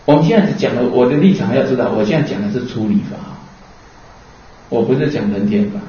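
A man's voice: mid-range voice, lively intonation, a little fast, mellow. A man giving a Buddhist Dharma lecture, explaining earnestly and asking rhetorical questions along the way. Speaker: Buddhist teacher. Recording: distant, dull, roomy lecture recording.

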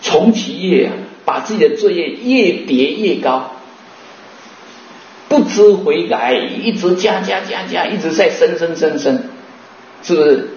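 A man giving a Buddhist dharma talk, asking rhetorical questions and slowly chanting to demonstrate. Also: sits high, animated, vocal fry, darkish tone, slight background noise. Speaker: Buddhist teacher. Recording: roomy, muffled recording.

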